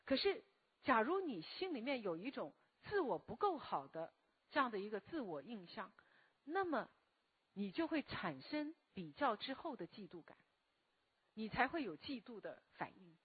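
Slow-talking husky woman lecturer, tinny sound. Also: a little high, sing-song, no echo. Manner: speaks slowly and deliberately, often asking the listeners questions. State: a bit hoarse from a recent cough. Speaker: lecturer and meditation teacher. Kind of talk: spoken self-help lecture to a live class.

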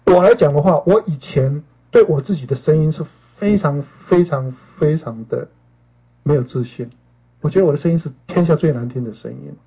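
A man's voice: a little high, husky. A man talking casually to his listeners as a show host, often asking if they follow him and mixing in English words. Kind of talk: conversational talk to listeners. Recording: dull lo-fi recording.

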